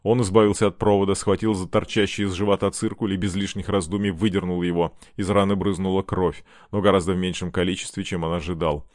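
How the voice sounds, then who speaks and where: A man reading a novel aloud as audiobook narrator, measured and dramatic. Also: deep voice, level tone, a little mellow, no room sound, clean studio sound. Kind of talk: scripted narration.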